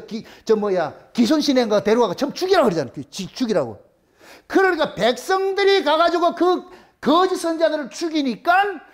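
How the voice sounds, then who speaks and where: High, lively Korean pastor preaching. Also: male voice. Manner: animated storytelling, acting out biblical dialogue with a blunt colloquial tone. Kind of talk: sermon.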